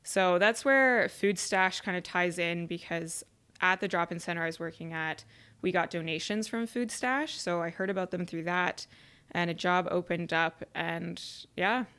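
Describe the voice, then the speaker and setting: A woman's voice: on the low side, fairly bright tone, clean tone. A young woman from rural Ontario, chatting openly as a podcast guest and often saying "like". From rural Ontario, Canada. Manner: chatty and open, many "like" fillers. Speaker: podcast guest, charity community manager. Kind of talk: casual interview chat.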